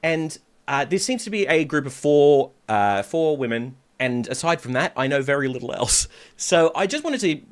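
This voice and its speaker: A man's voice: on the high side, very animated, normal speed. A man working as a vocal coach, chatting through a music reaction and breaking down the harmonies as he listens.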